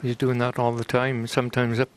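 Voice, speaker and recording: A man giving conversational snooker analysis as co-commentator, hushed and understated. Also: medium pitch, completely flat delivery, brisk. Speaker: snooker co-commentator and former coach. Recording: clear crowd noise and arena ambience. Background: snooker arena audience ambience.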